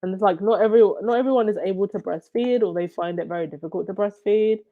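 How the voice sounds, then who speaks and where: A woman's voice: mid-range voice, narrow, tinny audio. A woman from Zambia with a stuffy, runny nose, hosting a casual livestream chat and reacting to viewer comments. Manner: chatty, reacts with quick laughs and "wow".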